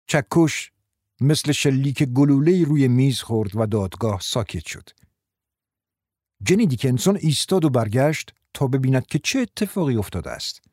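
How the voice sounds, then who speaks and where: A man reading a novel aloud in a measured, even way. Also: medium pitch, dry recording, clean studio sound. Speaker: narrator. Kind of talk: audiobook narration.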